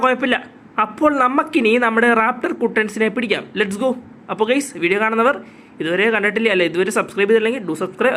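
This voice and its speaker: A fast-talking man with a high, bright voice runs through casual gameplay commentary. He is chatty and keeps calling out to his viewers, and a nagging cough has left his voice slightly hoarse. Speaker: gaming channel host.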